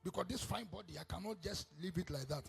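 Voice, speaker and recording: Man voicing a cool, blunt wife, gravelly and husky, low-key. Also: fast talker, heavily acted. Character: new third wife, blunt and self-serving.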